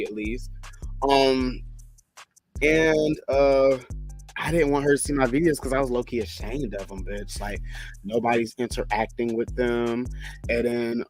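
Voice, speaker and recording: Twenty-something guy rambling on his vlog, cussing a lot, mid-pitch voice, faint music behind. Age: 20s. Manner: rambling, profane, chatty. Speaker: vlogger. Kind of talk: casual chat to camera.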